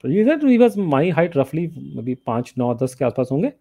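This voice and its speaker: A man's voice: on the high side, sing-song, rapid-fire, warm tone, no echo, clean studio sound. A middle-aged man with a North Indian accent telling stories as an interview guest, repeating himself and often saying "you know". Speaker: interview guest, journalist and author. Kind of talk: casual interview, storytelling.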